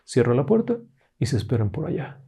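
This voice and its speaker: A male host telling ghost stories in a dramatic narrating voice of middle pitch. He drops to near whispers when the tension builds. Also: very animated, brisk, creaky, husky. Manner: dramatic, hushed in tense moments. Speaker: storyteller host.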